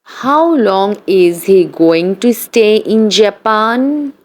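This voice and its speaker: Here a woman at medium pitch serves as an English practice reader, voicing brief sentences for learners. Each one comes out evenly and deliberately, and each is spoken two times.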